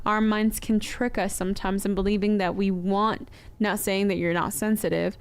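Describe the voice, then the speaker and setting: A woman co-hosts a casual talk show in an easy, relaxed voice at a middle pitch. She reads listener messages aloud and teases her co-host between them. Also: normal speed, smooth. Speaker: podcast co-host. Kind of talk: casual chat.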